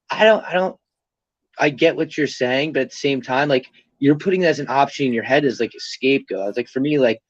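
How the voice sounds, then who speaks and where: A young man from Pennsylvania, in recovery, speaks as an interview guest at a medium pitch. He's candid and casual, rambling with plenty of fillers and swearing freely. The recording is dry, with the highs cut off.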